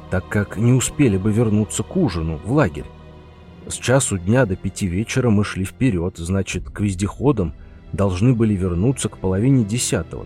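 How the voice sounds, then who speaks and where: A man voicing a stern, gruff male leader of a polar rescue team, curt and exasperated. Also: on the low side, warm tone, natural voice.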